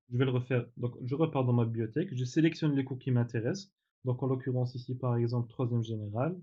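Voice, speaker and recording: A man teaching in a relaxed tutorial, demonstrating software step by step with frequent fillers and self-corrections. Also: medium pitch, breathy edge, highs cut off. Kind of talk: screen-recorded tutorial.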